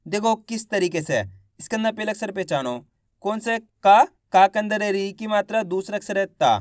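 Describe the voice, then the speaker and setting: A man's voice: sits high, no echo, studio quality. Man teaching reading, sounding out syllables. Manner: asks a question and answers it himself, repeating each sound; slow, drawn-out syllables when sounding out letters. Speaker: online Hindi reading teacher. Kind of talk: video reading lesson.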